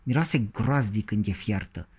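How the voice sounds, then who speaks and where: A man's voice: fairly low pitch, a little mellow, breathy edge. A man voicing a grumpy, picky farmer's boy who grumbles and sulks. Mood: grumbling. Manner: grumbling, sulky.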